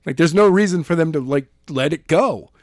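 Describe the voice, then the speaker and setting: A podcast co-host with a fairly high voice talks a little fast while casually discussing a novel chapter, tossing in sarcastic remarks and some swearing. The recording is clean studio sound with no echo.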